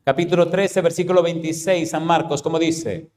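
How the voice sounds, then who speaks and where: In his sermon, a male pastor hammers the congregation with rhetorical questions again and again, lurching from loud, high outbursts to slow, low statements. His delivery is flat.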